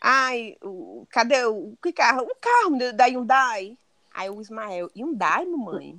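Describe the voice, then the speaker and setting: A woman, co-hosting a casual podcast chat and telling animated stories with a lot of laughing. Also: fairly high pitch, crowd noise. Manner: animated storytelling, quick to laugh. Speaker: podcast co-host. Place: living in London.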